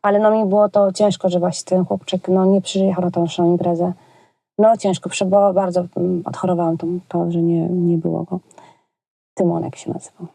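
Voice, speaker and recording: A woman from Poland chats freely about her work as a children's entertainer, piling up hesitations and colloquial asides. Her voice is mellow and warm. The sound is dry, close, with no room in it. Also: lowish voice, flat delivery, a little fast, vocal fry, no echo. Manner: chatty and colloquial, frequent hesitations. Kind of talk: casual interview chat.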